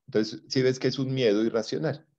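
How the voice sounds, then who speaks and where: A man's voice: medium pitch, steady tone, fairly quick, darkish tone, highs cut off. A man teaching a psychology class, explaining with playful examples and teasing his students. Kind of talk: online class lecture.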